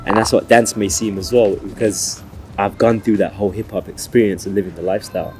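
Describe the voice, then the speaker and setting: Man, sword teacher; measured, conversational explaining, dark mellow tone, faint music behind. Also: fairly low pitch, fairly even intonation. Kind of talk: conversational talk.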